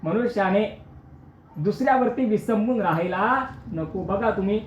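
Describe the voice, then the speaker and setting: A man's voice: high-pitched, normal speed, a little hiss or hum. A man giving a devotional sermon, telling stories, speaking straight to his listeners and breaking into chanted verses. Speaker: kirtan preacher. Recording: echoey, dull lo-fi recording.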